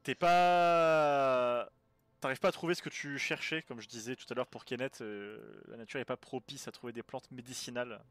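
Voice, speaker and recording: A man's voice: mid-range voice, sing-song, fast, few pauses, bright, forceful tone, no room sound. A man improvising narration as game master of a tabletop role-playing game. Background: background music.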